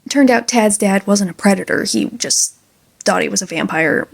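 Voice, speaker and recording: A woman's voice: mid-range voice, moderate pace, creaky. A woman talking through a book in a casual review vlog, chatty and enthusiastic with lots of fillers.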